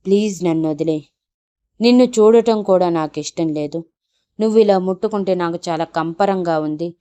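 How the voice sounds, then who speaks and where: A woman's voice: lowish voice, brisk, warm tone, clean tone, lightly acted. A woman voicing a distraught young woman who speaks in a tearful, accusing way in a storybook audio drama.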